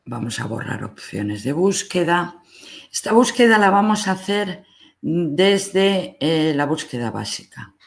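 A library instructor with a Spain accent leads a recorded online lesson. The delivery is slow and unhurried. Each step of the screen demonstration is explained patiently. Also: mid-range voice, big pitch swings, vocal fry.

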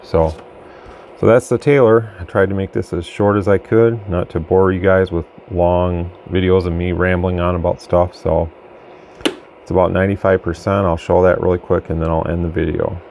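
A radio bench reviewer who hosts a channel walks through a product at his indoor workbench in a casual, rambling, plain-spoken way. His low voice stays level and darkish, with vocal fry, at a normal speed. Faint background noise and room ambience sit underneath.

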